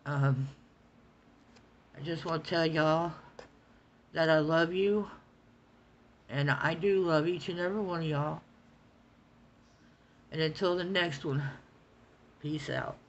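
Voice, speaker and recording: A woman's voice: low voice, steady tone, slow pace, long pauses, highs cut off, a little hiss or hum. A woman chatting casually about art supplies on her channel, rambling and stammering as she repeats herself. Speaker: coloring channel host. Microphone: phone.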